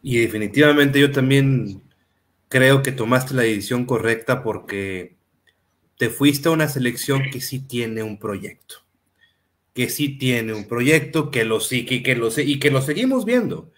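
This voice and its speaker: A man hosting a sports interview in a casual tone. His voice sits in a middle pitch. He restarts his sentences as he goes. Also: lively intonation, a little slow, fairly bright tone. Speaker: host.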